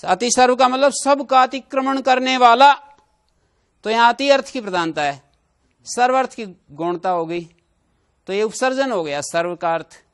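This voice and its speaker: A man's voice: very high-pitched, normal speed, fairly bright tone, smooth. A man teaching a Sanskrit grammar class, explaining rules with everyday examples and putting questions to his students.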